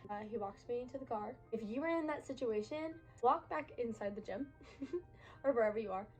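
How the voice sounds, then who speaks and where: Young female vlogger, casual storyteller, slightly raised pitch, gushy and emphatic delivery, soft music bed. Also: expressive, a little fast, low-quality recording. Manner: chatty, filler-heavy, emphatic.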